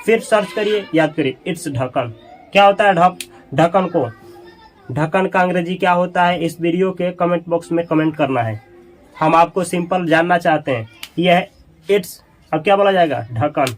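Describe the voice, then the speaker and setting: A man's voice: normal speed, some chatter behind, low-quality recording. A man teaching English grammar, drilling words over and over and putting questions to his students. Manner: drops low and soft when marking mistakes. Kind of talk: spoken grammar lesson.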